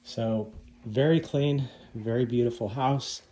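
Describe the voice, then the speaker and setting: A man casually narrating a walking tour of a house, offhand and relaxed with frequent ums. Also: medium pitch, takes it slowly, slight background noise. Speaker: home tour host. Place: inside a house being toured.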